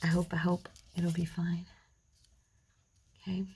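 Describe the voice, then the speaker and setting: Here a weary middle-aged woman runs a casual crafting tutorial on her channel, rambling to viewers and muttering softly to herself as she works. Her gravelly voice sits on the low side, monotone and at a measured pace, with background noise behind it.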